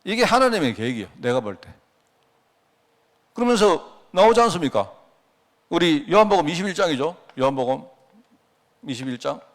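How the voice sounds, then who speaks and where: A man's voice: a little high, big pitch swings, fairly quick, long pauses. A man pastor giving a midweek church sermon, pressing his listeners with constant rhetorical questions.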